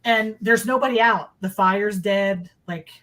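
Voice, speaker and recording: A woman's voice: medium pitch, measured pace, a bit bright. A middle-aged woman on a video call, casually recounting her own experience with emphatic repetition. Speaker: guest recounting sightings. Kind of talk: casual personal storytelling. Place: indoors in a dim room, on a video call.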